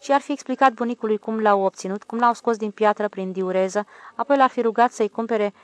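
A woman narrating a literary audiobook in a calm, even storytelling voice. Her pitch sits in a middle range. The recording is close and dry, with no room sound. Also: no room sound.

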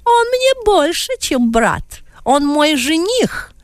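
A woman's voice: sits high, sing-song, slow, dry recording, studio quality, voice pushed up, exaggerated voice. A woman voicing a grasping older woman who questions sharply and makes demands. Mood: demanding. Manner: demanding, inquisitorial.

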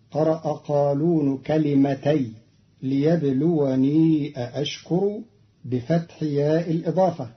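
A man from Egypt giving a formal, deliberate explanation of Quranic reading variants, slowing into a chant for each quoted verse. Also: a little high. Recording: dull old radio broadcast recording.

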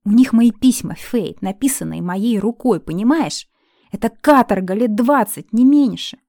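A woman's voice: fairly high pitch, lively intonation, moderate pace, mellow, no echo, clean studio sound. A woman voicing a panicky, hysterical adult male elf teacher who keeps pleading and breaking into nervous outbursts in a storybook reading.

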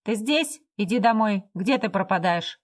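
A woman's voice: medium pitch, expressive, moderate pace, natural voice. Woman reading as a drunk, sneering bully. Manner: rough, sneering commands. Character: drunk, coarse man, bullying and mocking.

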